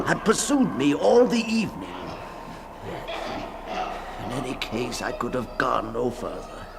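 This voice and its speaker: This noisy 1960s radio recording features an actor in a dramatic fantasy monologue as a desperate, terrified male climber recounting his nightmare escape. His mid-range voice has vocal fry and sounds fearful and hunted. The performance is theatrical and halting, with gasps and lurches between whispers and cries.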